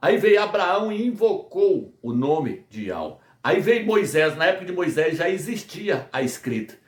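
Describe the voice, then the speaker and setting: A man's voice: high voice, sing-song, moderate pace. A man from Brazil teaching a Bible study as a preacher, who asks rhetorical questions and answers them himself again and again. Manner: repetitive call-and-response questioning. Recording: echoey room.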